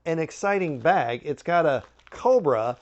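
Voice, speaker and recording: A man's voice: on the high side, lively intonation, measured pace, a little mellow, dull audio. A man giving a casual, chatty snack review with wry, joking asides.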